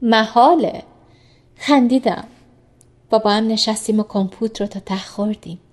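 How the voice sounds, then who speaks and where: A woman reading a first-person novel aloud in calm, soft, even narration. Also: medium pitch.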